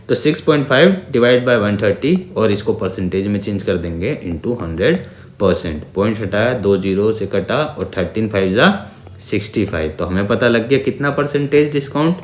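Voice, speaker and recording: An Indian man with a voice on the low side teaches maths for exam prep, working through problems step by step in an echoey, reverberant room. He is didactic, mixing Hindi with English terms, asking frequent check-in questions and repeating phrases.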